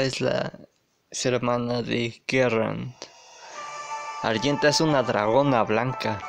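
A man's voice: medium pitch, vocal fry. A man giving playful, boastful gameplay commentary and reading game dialogue aloud. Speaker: gamer. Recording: game music under the voice. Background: game music.

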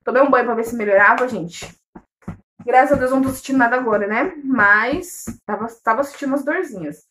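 A young woman in late pregnancy chats to her viewers in a casual home vlog. Her voice sits high and she talks in a warm, affectionate way, calling everyone her loves. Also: brisk, slight background noise. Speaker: vlogger. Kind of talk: casual chat.

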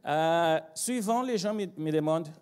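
Man, Brazilian accent, unhurried, fairly high voice, hesitant, joking, conference speaker. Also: expressive, a little mellow, clear, resonant tone. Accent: Brazilian Portuguese. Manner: hesitant, many fillers and restarts, joking. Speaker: agile trainer and consultant. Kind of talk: conference talk. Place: conference room with live audience.

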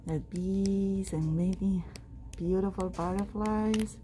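A woman's voice: medium pitch, steady tone, slow pace, dark tone. A woman vlogging while shopping in a craft store, chatty and full of delighted exclamations, speaking into a handheld phone. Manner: chatty, non-native English, frequent delighted exclamations. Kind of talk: casual shopping vlog. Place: large craft store aisle, indoors. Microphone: handheld phone camera.

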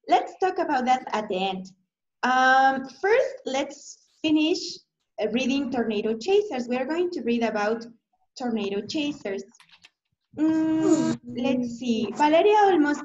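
A woman teacher with a Mexican accent and a high voice leads an online reading lesson at an unhurried pace. She keeps her phrasing simple and checks in with questions. The sound is dull and echoes around the room. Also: lively intonation, darkish tone, a little hiss or hum. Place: indoor room, on a video call. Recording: muffled, echoey online class audio.

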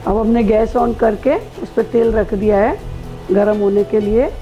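A middle-aged woman hosting a cooking show, calmly explaining each step of a recipe in detail. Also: mid-range voice, unhurried, highs cut off, faint music behind.

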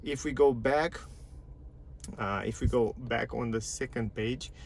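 A man's voice: mid-range voice, measured pace, a little mellow, slight background noise. A man casually walking through a car's dashboard and touchscreen menus, chatty and repetitive, in a parked car. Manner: chatty, repeats phrases, non-native grammar. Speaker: car reviewer. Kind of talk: casual walkthrough.

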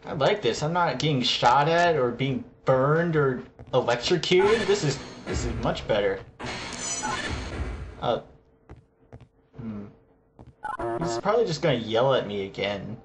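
A man's voice: medium pitch, expressive, unhurried, pauses often, over music. A man doing casual let's play commentary, jokily complaining and talking back to the game.

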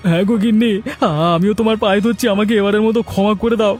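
A man voicing a cowardly scheming village husband in a cartoon, with a squeaky, whining delivery. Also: flat delivery, very fast, a little mellow, soft background music, lightly acted. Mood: pleading. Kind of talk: Bengali cartoon voice acting.

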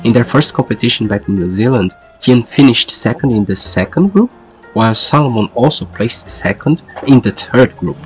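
Nursing a lingering cold, this man hosts sim racing qualifying commentary in a congested, duck-like voice that is mid-range, expressive, and at normal speed. The audio quality is poor, with music playing behind his voice.

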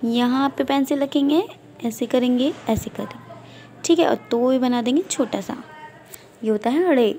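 A woman teaching a nursery class online, slowly drilling letters one by one for small children and mixing English with Hindi-Urdu. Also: high voice, mellow, slight background noise.

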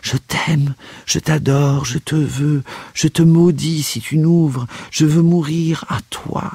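A man reading the lines of a dying young man in a storybook reading, speaking in a slow, muted, hollow way. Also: very deep voice, creaky, a little mellow, slightly rough, no room sound, full character voice. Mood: frantic.

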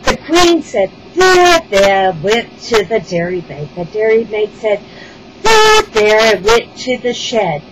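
A woman reading a children's poem aloud in a lively storytelling manner. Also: medium pitch, measured pace, few pauses, background noise. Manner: lively, expressive read-aloud.

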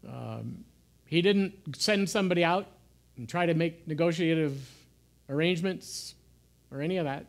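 A man giving an informal sermon in a gentle, conversational way, sometimes dropping to soft, hushed asides. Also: fairly high pitch, moderate pace, gravelly. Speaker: pastor. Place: church.

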